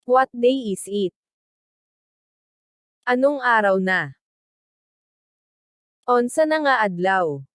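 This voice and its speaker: A woman teacher reads short phrases in a very slow, careful drill. Her voice sits fairly high, and the recording is dry and close. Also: expressive, no echo. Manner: reads each phrase slowly and deliberately. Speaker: language teacher. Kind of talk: slow read-aloud translation drill.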